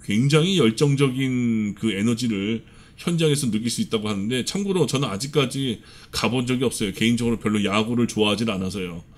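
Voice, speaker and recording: A man delivering an opinionated political commentary monologue as a channel host, earnest and measured, with frequent hesitant fillers. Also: mid-range voice. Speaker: channel host and life counselor.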